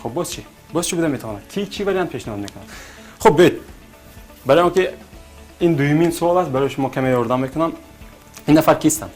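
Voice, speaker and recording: A male TV quiz host with a Tajik accent and a slightly raised pitch, backed by faint music. He coaxes the contestants along and repeats their guesses back to them. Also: expressive, long pauses, a little mellow. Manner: coaxing, repeats answers back, urges contestants to think. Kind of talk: TV quiz hosting.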